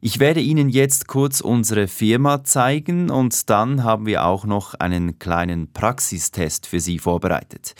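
A man's voice: fairly low pitch, unhurried, hardly any pauses, no echo, clean studio sound, lightly acted. A man playing a formal, businesslike personnel manager interviewing an applicant in a scripted dialogue for language learners. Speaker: head of personnel conducting an interview.

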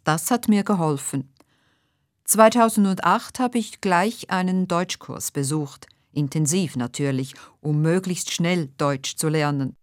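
A woman's voice: lowish voice, measured pace, no room sound, studio quality, natural voice. A woman playing a polite job applicant. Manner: polite, careful, clearly spoken. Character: nervous but polite female job applicant. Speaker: job applicant in a scripted interview. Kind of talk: scripted dialogue for language learners.

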